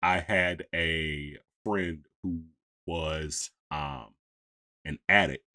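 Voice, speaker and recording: A man co-hosting a podcast, talking casually in a halting way and repeating phrases to make his point. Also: very deep voice, steady tone, bright, forceful tone. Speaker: podcast co-host. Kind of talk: casual discussion of an animated series.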